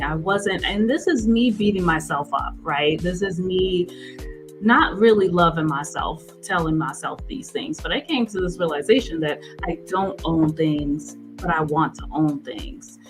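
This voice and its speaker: A woman in her forties, a guest in an interview, telling her story earnestly with halting restarts. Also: on the low side, faint music behind, poor audio. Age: 40s.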